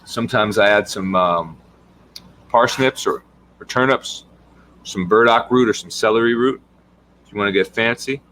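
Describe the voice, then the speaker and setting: A man's voice: fairly low pitch, normal speed, pauses often, a bit bright, a little hiss or hum, poor audio. A man, a health coach giving an impassioned monologue full of emphatic rhetorical questions.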